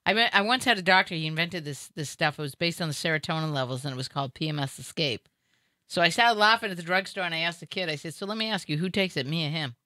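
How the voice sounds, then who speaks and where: A middle-aged woman, a guest on a talk show, chatting casually with jokes and quick asides. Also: low-pitched, lively intonation, bright, forceful tone, no room sound, studio quality. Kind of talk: casual chat.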